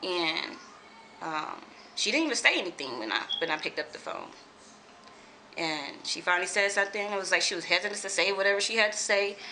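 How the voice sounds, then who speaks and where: A woman's voice: lowish voice, brisk, a little hiss or hum, low-quality recording. A woman in her twenties from California, talking casually and swearing freely in a home vlog. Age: 20s. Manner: animated, swears freely, repeats herself. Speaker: vlogger.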